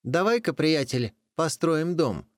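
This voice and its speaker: A man's voice: a little high, expressive, slow, no room sound, clean studio sound, pitched above the performer's own voice. A man voicing a clever, bold tomcat in a folk tale, coaxing the other animals in a raised voice.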